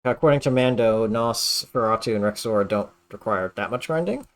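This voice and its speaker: A man's voice: on the low side, expressive, brisk. A man streaming a game, chatting casually and agreeably. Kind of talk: casual live-stream chat while playing.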